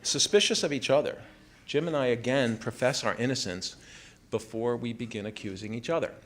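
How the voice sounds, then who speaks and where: Performing a scripted personal essay he wrote, a fifties-aged American man tells his story in a measured way to a live audience in a small theater, voicing his family's quoted lines. His pitch is medium. Room noise, ambience and the crowd can be heard in the recording.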